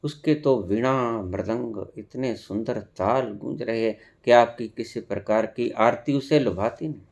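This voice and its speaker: A man giving a spiritual discourse, preaching slowly with sudden emphatic rises. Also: medium pitch, creaky, a little mellow. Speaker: spiritual teacher.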